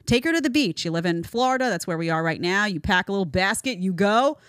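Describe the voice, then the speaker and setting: A woman's voice: mid-range voice, lively intonation, fast talker, fairly bright tone, no room sound, studio quality. A woman hosting a social commentary podcast, talking emphatically and with strong opinions. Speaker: podcast host.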